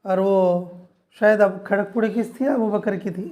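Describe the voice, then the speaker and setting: A man's voice: high-pitched, fairly even intonation, unhurried, a little mellow. A man preacher giving an informal sermon to a women's group, repeating his points in earnest, direct appeals. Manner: repetitive, earnest exhortation addressing listeners directly. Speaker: Islamic preacher.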